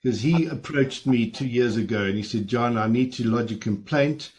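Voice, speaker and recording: A man's voice: medium pitch, moderate pace. A man hosting a panel on a video call, stammering through restarts as he moderates. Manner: warm, stammering restarts, laughs. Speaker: host and moderator.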